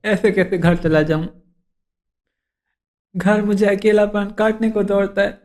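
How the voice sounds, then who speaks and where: A man voicing a boastful, bumbling male lawyer who talks in slow, stumbling English phrases in a comedy sketch. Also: sits high, fairly even intonation, pitched above the performer's own voice. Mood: cheeky.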